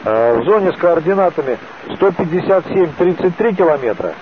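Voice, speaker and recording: Ground controller, male, high voice, terse and clipped, heard over a tinny radio link with faint hiss. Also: very animated, fairly quick. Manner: terse, clipped call-and-readback phrasing. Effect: over a two-way radio. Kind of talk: radio traffic procedure.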